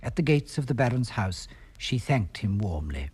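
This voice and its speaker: A man narrating a fairy tale on a vintage storybook record, with warm, expressive delivery. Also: medium pitch, moderate pace, slightly rough.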